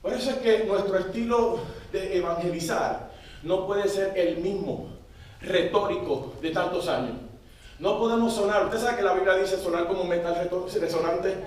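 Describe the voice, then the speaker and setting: His voice sitting high, a man delivers a sermon at a moderate pace and gets the congregation to repeat after him. The setting is a large church hall, recorded from a distance with plenty of echo.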